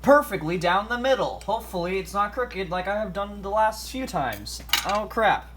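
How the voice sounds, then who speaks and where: A man's voice: sits high, lively intonation, normal speed, fairly bright tone, a little hiss or hum. A man hosting a goofy home cooking tutorial, reading recipe steps aloud and making up silly facts. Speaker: cooking show host. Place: home kitchen.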